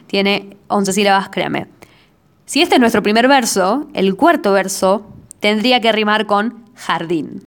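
Playful Argentine woman teaching verse. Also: medium pitch. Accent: Argentine Spanish. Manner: playful, self-mocking, spells out syllables slowly. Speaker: podcast host. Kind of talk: casual teaching podcast.

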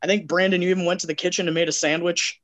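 High-voiced man telling a profane story. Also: flat delivery, rapid-fire, fairly bright tone. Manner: profane rambling storytelling with many fillers. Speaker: podcast co-host. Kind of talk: casual storytelling, drinking podcast.

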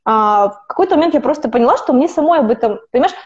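An opera student in her twenties, appearing as a podcast guest, rambles casually through a conversational interview, often restarting and correcting herself. Her high-pitched voice is expressive, a little mellow and rapid-fire, captured on a dull lo-fi recording.

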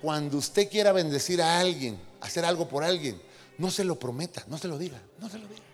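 High-voiced preacher. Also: male voice, fairly quick. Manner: animated preaching, acting out quoted voices. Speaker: pastor. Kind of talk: sermon. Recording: reverberant hall with faint music.

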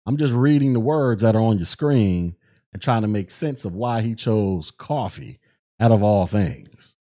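A young man hosting a solo podcast, talking in animated, slang-heavy commentary full of restarts and repeated words. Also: lowish voice, a little slow. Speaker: podcast host.

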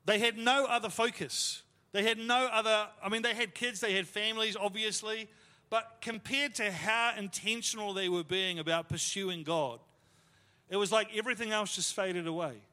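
In a sharp, high-pitched voice, a pastor shares sermon stories casually, full of fillers and self-deprecating humor. The recording carries a long hall reverb.

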